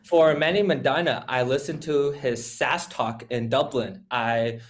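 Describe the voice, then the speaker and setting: A man, telling eager, quick stories as a guest on a casual interview show. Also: medium pitch, fairly even intonation. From California. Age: teens. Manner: eager, fast storytelling. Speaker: guest, hackathon organizer.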